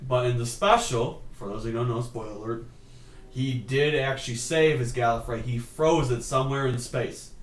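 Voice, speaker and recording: A man's voice: medium pitch, normal speed. Guy cohosting a chill podcast, sure of his takes, roomy echo, sounds far from the mic. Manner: opinionated, joking, slips into silly put-on voices. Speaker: podcast co-host. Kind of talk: casual chat. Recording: echoey room, mic far off, faint hiss.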